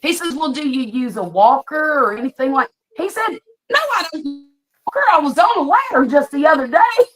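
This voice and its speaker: A host in her fifties from the US Gulf Coast leads a casual chat, telling stories chattily and acting out quoted voices. Her high voice is animated and fairly quick.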